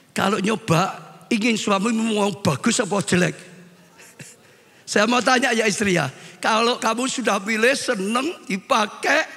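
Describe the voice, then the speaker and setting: A man, a pastor preaching to his congregation, joking and often turning to them directly. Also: high-pitched. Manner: animated and joking, addresses the congregation as "saudara". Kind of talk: sermon. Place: church hall. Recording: reverberant church hall.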